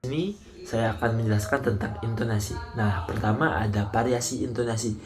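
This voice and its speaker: A man's voice: lowish voice, brisk. A young man student presenting a training module, explaining numbered points in a casual tone. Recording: crowd noise in the background.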